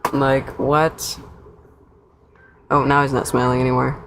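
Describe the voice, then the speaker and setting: A woman's voice: a bass voice, level tone, measured pace, slight background noise. A woman streamer giving casual, wisecracking live commentary while reacting to a video. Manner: wisecracking, incredulous, slangy.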